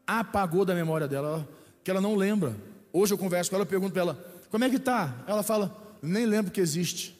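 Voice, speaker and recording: High-voiced man preaching in a reverberant hall. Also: fast talker. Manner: animated, acts out dialogue in quoted voices. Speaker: bishop preaching. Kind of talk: sermon with storytelling. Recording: long hall reverb, faint music behind.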